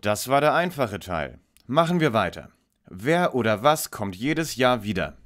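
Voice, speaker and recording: A man plays a self-assured young detective leader in an audio drama parody, precise, pompous and lecturing, with a smug tone. His medium-pitched voice is very animated, unhurried, and fairly bright.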